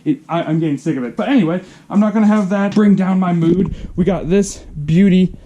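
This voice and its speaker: Young guy rambling to the camera in his garage, super mellow dark voice, bit of hiss behind. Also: high voice, a little fast, lo-fi sound. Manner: chatty, rambling with fillers. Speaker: car vlogger. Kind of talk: casual vlog talk to camera. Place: hot home garage. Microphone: camera set down nearby.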